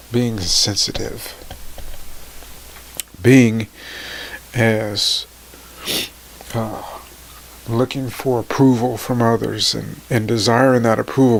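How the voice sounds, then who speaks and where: A man in his forties speaking emotionally to his viewers, halting and tearful, his voice sometimes sinking to a near whisper. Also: medium pitch, creaky, slight background noise. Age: 40s. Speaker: motivational vlogger. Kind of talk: emotional personal talk to camera.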